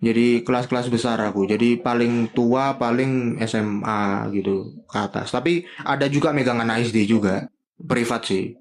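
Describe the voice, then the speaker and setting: Man, podcast host, casual, friendly questions, mid pitch. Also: moderate pace.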